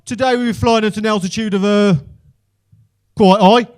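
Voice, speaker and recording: Man doing a high, cheery Brummie airline pilot. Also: steady tone, moderate pace, natural voice. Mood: cheery, bumbling. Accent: Birmingham Brummie. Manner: over-friendly, hesitant cabin announcement. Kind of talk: stand-up comedy character bit.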